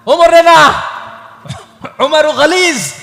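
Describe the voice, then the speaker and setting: A man preacher voicing a frightened young wife who pleads in a raised, high voice, heard through an echoey public-address system. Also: drawn-out words, creaky, bright, forceful tone, heavily acted. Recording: echoey public-address sound with long reverb.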